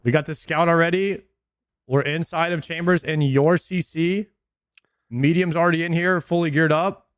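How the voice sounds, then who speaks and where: A man's voice: a little high, fairly even intonation, moderate pace, no echo, studio quality. A man chatting casually on a game livestream in hyped, slangy frat-bro talk. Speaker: game streamer. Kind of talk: casual livestream gaming chat.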